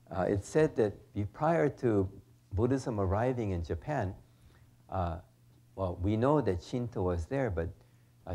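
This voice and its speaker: A man giving a relaxed, rambling Buddhist lecture with chuckling asides. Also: deep voice, vocal fry. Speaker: Buddhist minister. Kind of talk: informal Dharma lecture.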